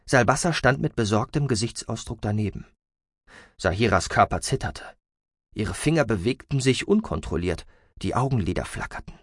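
Brief: male audiobook narrator, animated delivery, dry studio. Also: on the low side, normal speed, breathy edge, dry recording. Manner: expressive storytelling.

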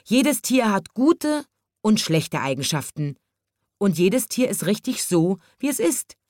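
A woman voicing a kind, patient young male zookeeper in a storybook, speaking firmly yet gently. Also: medium pitch, sing-song, slow, dry recording, clean studio sound, pitched above the performer's own voice. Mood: admonishing.

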